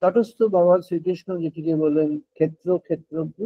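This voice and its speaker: An older man giving a devotional spiritual talk in slow, deliberate, drawn-out phrases, slipping in English words. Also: fairly high pitch, level tone, no echo. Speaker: spiritual speaker. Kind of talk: devotional discourse. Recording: dull, muffled lo-fi recording.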